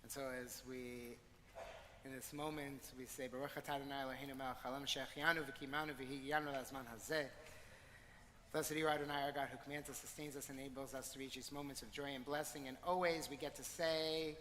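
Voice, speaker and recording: A man leading a congregation as its rabbi, speaking gently and encouragingly. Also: mid-range voice, little pitch movement, fast, a little hiss or hum. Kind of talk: leading a congregation, switching between Hebrew and English. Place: large synagogue sanctuary. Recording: distant mic with long hall reverb.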